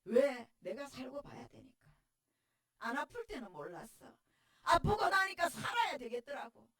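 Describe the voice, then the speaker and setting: A middle-aged woman pastor with a Gyeongsang accent gives a tearful testimony sermon, often breaking into shouts. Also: high voice, big pitch swings, moderate pace. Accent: Gyeongsang dialect. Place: church sanctuary. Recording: voice distant from the mic.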